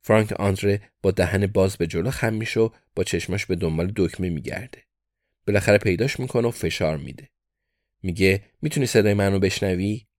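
Brief: male audiobook narrator, low voice, deadpan delivery, dry close sound. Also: dry recording.

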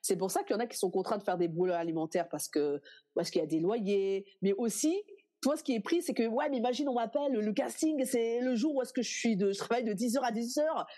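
Speaking quickly in a slightly high voice, a young woman appearing as an actress guest in an interview tells animated anecdotes and imitates what others said, keeping the conversation casual.

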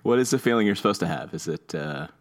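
A man with a very deep voice co-hosts a casual podcast. He trades dry, teasing jokes in a relaxed tone. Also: fast. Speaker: podcast co-host. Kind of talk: casual chat.

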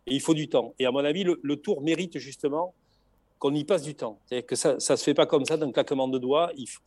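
This guest in a casual interview is a former race logistics organizer, a middle-aged man with a southern French accent. He speaks quickly in a slightly high, slightly mellow voice on a dry recording, rambling freely with frequent restarts and repeated words.

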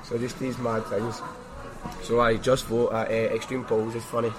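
A man's voice: medium pitch, level tone, moderate pace, music in the background. A man with a strong Glaswegian Scottish accent hosting a podcast, telling stories in a casual, colloquial way with opinions of his own. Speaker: podcast host. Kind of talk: casual anecdotal chat.

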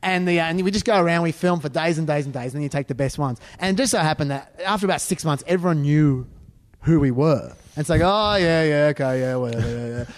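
A man's voice: fairly high pitch, fast. A man, a guest comedian in casual podcast chat, laughing often and joking about himself. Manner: laughs often, self-deprecating.

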